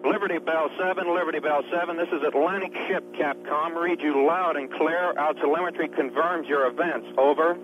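A man's voice: on the high side, fairly quick, few pauses. Man on a muffled, noisy radio link. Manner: clipped radio procedure talk. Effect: radio transmission. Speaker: ship communicator. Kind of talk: radio communications.

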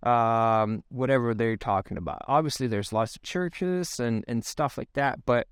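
A Swedish man in his thirties speaks English with a Swedish accent, his mid-range voice smooth and a little slow. As a guest on a casual podcast interview, he reflects with many fillers and restarts, captured in clean studio sound with no room sound.

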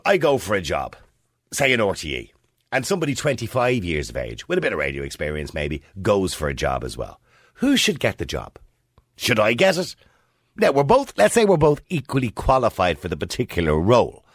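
A man's voice: medium pitch, fairly bright tone, dry recording, clean studio sound. A man in his fifties with an Irish accent, hosting a talk radio show and putting questions to listeners in a chatty, opinionated way. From Ireland. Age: 50s.

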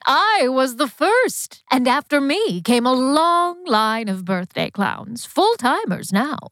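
A self-important professor of birthdays, hosts a comedy podcast with theatrical grandeur. The voice is very high and animated, taking its time in a dry, close recording. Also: female voice, slow pace, no room sound, full character voice. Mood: boastful, proud. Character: self-important, boastful professor of birthdays, proud original clown. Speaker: podcast host. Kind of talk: comedy podcast character acting.

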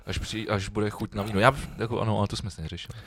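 A man's voice: lowish voice, level tone. A man co-hosting a casual chat show, laid-back, who swears often and laughs as he talks. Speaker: podcast co-host.

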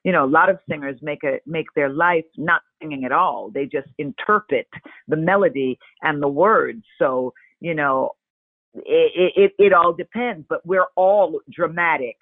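An expressive woman chats as an interview guest, her voice coming through a narrow, tinny phone-like line. The sound is dry and close, with no room echo. She tells stories with lively energy. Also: low-pitched, normal speed. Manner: expressive, animated storyteller. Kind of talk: casual interview chat.

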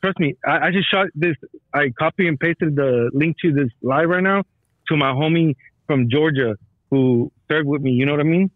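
Casting: male veteran phoning a podcast, sweary casual talker, dry and dull low-fidelity audio. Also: normal speed, no room sound. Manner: profane, slangy, repeats himself. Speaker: military veteran calling in to a podcast. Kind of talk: casual chat. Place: calling from a garage.

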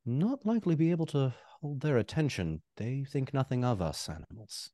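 Man playing a courteous, formal talking rat, lively intonation. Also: mid-range voice, moderate pace, no echo, clean studio sound, close to an everyday voice. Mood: courteous, measured. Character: polite, eloquent talking rat, formal and gentlemanly.

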